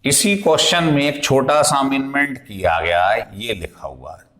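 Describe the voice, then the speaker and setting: A man's voice: mid-range voice, lively intonation, moderate pace, fairly bright tone. A male chemistry teacher lecturing in a classroom style, explaining step by step and asking his students questions as he goes. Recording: echoey room.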